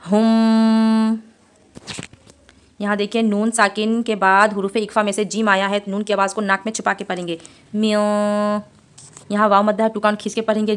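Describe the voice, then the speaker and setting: A woman teacher giving a careful recitation lesson in a medium-pitched voice. She explains each rule step by step and patiently repeats the sounds for her students. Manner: patient, explains each mark then models the sound slowly.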